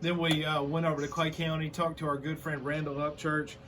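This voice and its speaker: A man's voice: on the high side, level tone, fairly quick. A man co-hosting a chatty show preview teaser in an upbeat, promotional way. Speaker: show co-host. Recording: faint background noise.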